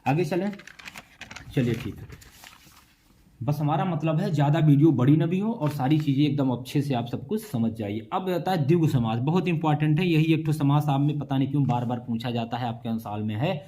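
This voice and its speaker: A man's voice: fairly high pitch, brisk, dark tone. A male teacher giving an exam-prep lesson in a casual way, answering his own questions in his students' voice and drilling word splits over and over. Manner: talks to students, voices their replies himself; casual, says "yaar" often.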